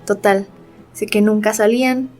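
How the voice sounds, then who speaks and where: A young Mexican woman spins a spooky story on a casual podcast, talking at a middling pitch. She keeps slipping into reported speech as she retells it. Faint music plays underneath. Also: fairly even intonation, normal speed, darkish tone. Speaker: podcast co-host.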